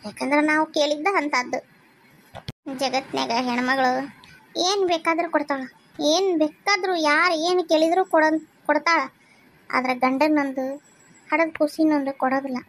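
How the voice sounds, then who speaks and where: A woman voicing an older village mother-in-law in a cartoon family drama, speaking softly and apologetically with a North Karnataka Kannada accent. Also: high-pitched, steady tone, normal speed, long pauses. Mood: remorseful. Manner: soft, pleading, apologetic.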